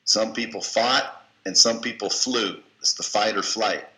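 Speaking a little slowly, the man's lowish voice comes across bright and forceful. He's a guest in an interview, offering folksy, no-nonsense coaching and motivation while cursing offhandedly, all in a room with noticeable echo.

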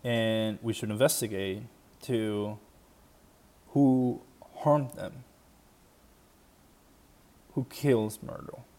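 A man hosting a commentary video, speaking slowly and deliberately. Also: on the low side, dark tone. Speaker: host.

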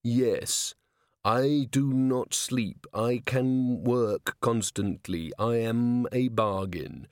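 A man playing a slow, deliberate clay golem. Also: medium pitch, dry recording, clean studio sound. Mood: earnest. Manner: slow, measured, deliberate, flat. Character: slow, literal-minded male clay golem constable.

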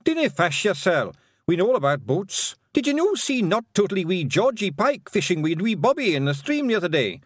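A man's voice: sits high, very animated, fairly quick, dry recording, clean studio sound, voice pushed up. A man voicing a fierce little male pixie clan chief with a Scottish accent, brash and bossy. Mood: gruff. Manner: brash, gruff, bossy and cheerful.

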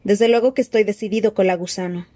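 A cold, frail dark lord who hisses his threats slowly and softly, as a woman puts him on. His tone sits dark and mellow, recorded close and dry with no room around it, in a storybook reading. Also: medium pitch, steady tone, dry recording, lightly acted. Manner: slow hissing soft threats. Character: cold menacing weak dark-lord man.

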